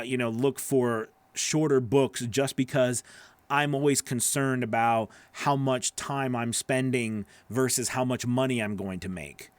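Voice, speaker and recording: Speaking in a mid-range voice, this forties-aged host and voice-over coach fields viewer questions on a casual livestream. He's emphatic and encouraging, repeating phrases to drive points home. The dry sound comes from a boom-mounted studio mic held close in his small indoor home studio.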